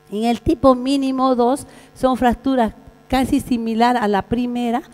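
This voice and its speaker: A Bolivian woman, a veterinary surgeon, giving a conference lecture in a large hall, talking haltingly with frequent fillers and restarts. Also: a little high, mellow. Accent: Bolivian Spanish. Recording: reverberant hall with mains hum.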